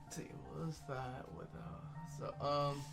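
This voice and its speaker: A man running a tabletop game as game master, hesitant and full of fillers, over loud background music. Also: a little high, little pitch movement, measured pace, vocal fry.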